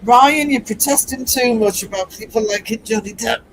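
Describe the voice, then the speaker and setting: A man in his sixties hosts a livestream in a very high voice at a moderate pace, the poor audio carrying a little hiss or hum. He chats casually, reads viewer comments aloud, and teases and laughs often.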